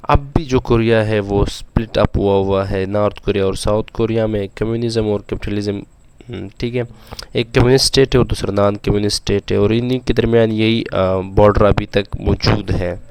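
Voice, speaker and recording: A man teaching an informal history lecture, explaining loosely with frequent filler sounds, pauses and "okay" check-ins. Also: on the low side, steady tone, a little mellow, clean tone. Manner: often pauses mid-sentence to find words.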